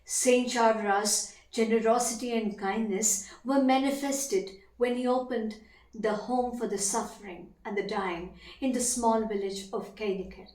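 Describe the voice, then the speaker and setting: Slow, high-voiced Indian woman orator, echoey room. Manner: declamatory, deliberate, emphatic with dramatic pauses. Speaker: teacher competing in elocution contest. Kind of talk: formal competition oratory.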